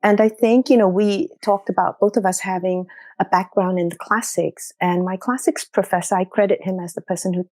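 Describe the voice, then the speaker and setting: A woman's voice: mid-range voice, fairly even intonation, a little fast, darkish tone, no room sound. A middle-aged woman from Singapore, a doctor talking through her path as a podcast guest, reflective and often tagging "you know" and "right?". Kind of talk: conversational interview.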